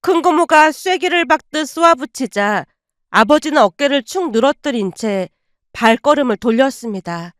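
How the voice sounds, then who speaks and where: A woman narrating a dramatic true-life story in a calm, measured way. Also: sits high, dry recording, studio quality.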